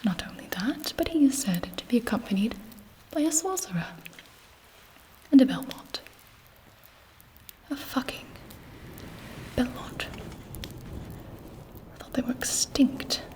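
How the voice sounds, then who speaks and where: A woman whispers in an intimate ASMR roleplay as an imperious, scheming, seductive vampire queen, her delivery deliberate, haughty and scornful. Her voice is a little high, mellow and sing-song.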